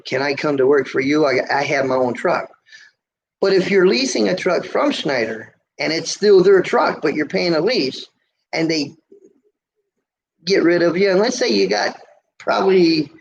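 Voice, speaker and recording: An American male trucker with a gravelly, squeaky voice rambles folksily on a livestream from a motel room, full of fillers and restarts. He chats casually and reads viewer comments. The lo-fi stream audio has faint noise.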